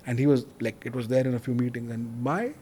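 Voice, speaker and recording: Animated male podcast host. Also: medium pitch, a little hiss or hum. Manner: animated storyteller, quick bursts of detail. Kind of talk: casual interview chat.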